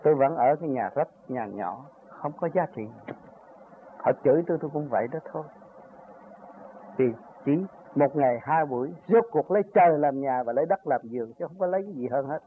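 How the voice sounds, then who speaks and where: A man's voice: medium pitch, expressive, fairly quick. An older man giving an earnest, rambling spiritual talk that rises to emphatic peaks as he recounts his own journey. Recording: tinny phone-like recording with faint noise.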